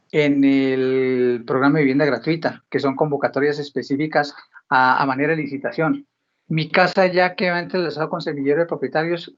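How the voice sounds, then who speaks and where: In dull-sounding audio, a mid-range voice belongs to an official from the government housing ministry. He explains housing programs like a lesson, raising questions himself and answering each one.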